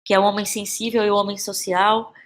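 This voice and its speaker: As a guest on a podcast, a woman who writes plays and acts discusses her creative work casually and thoughtfully. Her Brazilian Portuguese accent colors a mid-range voice with little pitch movement, and she often hunts for words, circles back on phrases, and checks in with tag questions.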